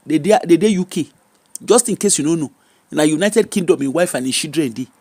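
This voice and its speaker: A man's voice: high voice, darkish tone, no room sound, studio quality. A man with a Yoruba-influenced Nigerian accent speaking Pidgin in an informal, emphatic rant, repeating phrases and throwing out mocking rhetorical questions.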